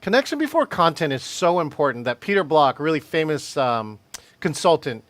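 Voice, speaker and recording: A man with a fairly high voice hosts a live online training session. He talks energetically, chuckles often and calls on participants by name. His sound is close and dry, coming through a video call. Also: brisk, dry recording. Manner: energetic, laughs often, addresses attendees by name. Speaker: virtual meeting trainer. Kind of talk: live webinar presentation.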